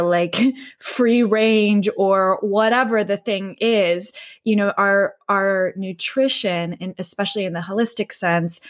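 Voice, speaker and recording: A young adult woman speaks in a relaxed conversational interview. She is reflective and circles her points, with lots of fillers and restarts. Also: medium pitch. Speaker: podcast guest, health coach.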